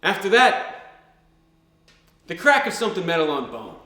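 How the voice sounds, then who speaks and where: A man's voice: high voice, big pitch swings, normal speed, noisy background. A man delivering a theatrical first-person monologue, telling his story dramatically with wry, dry humour. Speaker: solo stage performer. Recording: very echoey stage, distant microphone.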